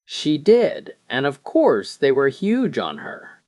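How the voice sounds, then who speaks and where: A self-assured, bossy father handing down advice , played by a male joke teller. He sounds instructive, with animated pitch and a dry, close recording. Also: takes it slowly, dry recording. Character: bossy father giving his son marriage advice.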